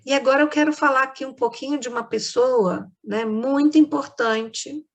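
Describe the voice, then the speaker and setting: A woman's voice: high voice, normal speed. A woman with a Brazilian Portuguese accent, teaching a remote lesson to children and explaining things patiently step by step, often checking in with short tag questions. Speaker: primary school teacher.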